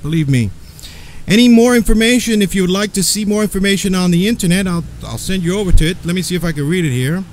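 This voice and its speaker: A man's voice: sits high, slight background noise, rough recording. A male podcast host reads a press release aloud, stumbling and correcting himself, with informal asides. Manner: halting, informal, stumbles and self-corrects while reading. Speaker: podcast host and event organizer. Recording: music playing behind the voice. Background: background music.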